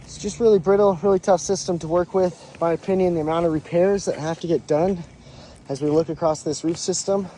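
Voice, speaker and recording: A man's voice: high-pitched, steady tone, fairly quick, dark tone. A man, a roofing contractor, explaining a repair in a practical, plain-spoken way while out of breath on a roof. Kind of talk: casual on-the-job explanation. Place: outdoors on a roof. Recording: noisy outdoor recording.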